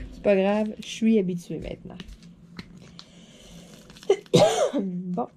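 A woman with a Quebec French accent, chatting casually while crafting, a bit hoarse from a dry throat, rambling and laughing often. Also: medium pitch, huge pitch swings, extremely slow, long pauses, background noise. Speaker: diamond painting vlogger.

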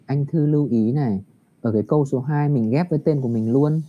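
Male teacher over a video call, patient and encouraging with young pupils, drawing out English phrases slowly, muffled sound. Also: mid-range voice. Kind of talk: online English lesson for primary children. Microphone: computer mic on a video call. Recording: dull lo-fi video call audio.

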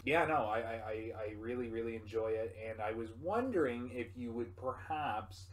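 A man's voice: medium pitch, animated, moderate pace, natural voice. A young man playing an obsessive movie fanboy and reviewer who rants profanely about films. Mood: awkward polite. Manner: ranting, profane hot takes. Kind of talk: short film acting.

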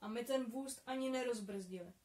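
A woman reading the part of a shy, rueful young boy, in a gentle, plaintive tone. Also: on the high side, close to an everyday voice.

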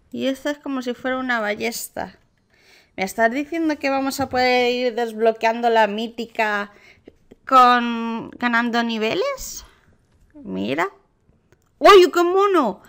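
A Spanish woman with a Spain accent commenting casually on a video game as a youtuber. Her voice is bright and a little high, and her pace is slow. She breaks into excited, gushing exclamations as she reacts. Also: gravelly, clean tone. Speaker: gaming youtuber.

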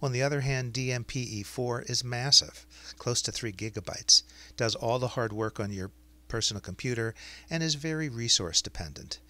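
A man narrating a scripted explainer as a software demonstrator. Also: mid-range voice, normal speed, dry recording.

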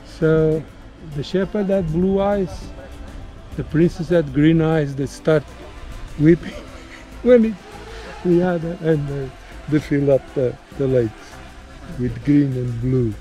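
Older man telling a legend, slow. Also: on the high side, mellow, faint music behind, rough recording. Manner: halting storyteller, many fillers. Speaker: local tour guide. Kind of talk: casual storytelling outdoors. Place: outdoor viewpoint.

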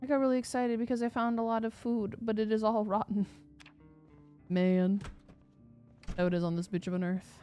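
A woman's voice: a little high, level tone, fast, few pauses, mellow, clean tone, faint music behind. A woman streaming a game as host, chatting casually with a giggly, rambling manner full of fillers. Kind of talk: casual gaming chat.

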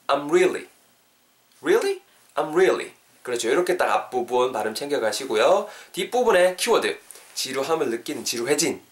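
Upbeat Korean man teaching English. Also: medium pitch. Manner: upbeat, coaxing, spells words out slowly. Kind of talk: video English lesson.

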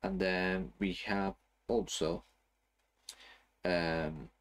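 A man in his thirties giving a screen-recorded software tutorial from a small room, explaining loosely with fillers and hummed pauses. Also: sits low, fairly even intonation, slight background noise. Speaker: software trainer.

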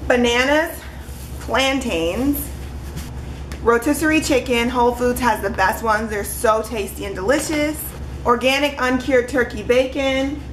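A young woman in her twenties vlogs by webcam in her home kitchen, chatting casually and holding up groceries one at a time. Her voice is fairly high and a bit bright, and the low-quality recording carries a little hiss or hum.

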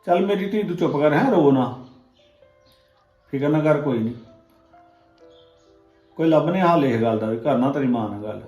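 A woman's voice: low-pitched, expressive, normal speed, long pauses, a little mellow, roomy sound. Actress as a worried Punjabi mother, consoling and annoyed; dull recording with faint music under. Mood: indignant. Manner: consoling, then indignant. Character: worried older village mother, sighing about greed.

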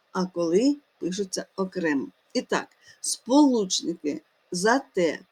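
A woman teaching a grammar lesson to schoolchildren, often calling them children and pausing on fillers and restarts. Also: medium pitch, a little mellow.

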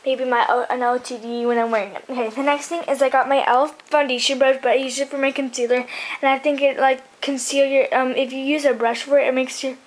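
High-pitched girl vlogging about her faves, lots of like and um, slight hiss behind. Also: fairly even intonation, quick pace, poor audio. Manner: rambling, many fillers and restarts. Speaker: beauty vlogger. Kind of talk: casual chat.

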